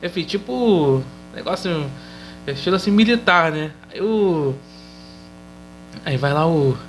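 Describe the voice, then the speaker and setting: A man's voice: on the high side, expressive, slow, faint music behind, poor audio. A man with a Brazilian Portuguese accent casually recapping a TV episode, chatty and loose, often tagging his sentences with questioning fillers. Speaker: episode reviewer.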